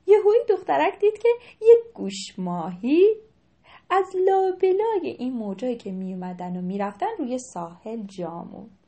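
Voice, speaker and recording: A young woman narrating a children's story, animated and sometimes dropping to a hushed whisper. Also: medium pitch.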